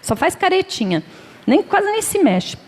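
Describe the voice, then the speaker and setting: Unhurried and sing-song, this middle-aged woman's very high, darkish voice carries a Brazilian Portuguese accent through an informal religious lecture at a Spiritist center, where she is a guest speaker. She chats, laughs a lot and plays out little scenes from daily life. The hall gives the audio a long reverb.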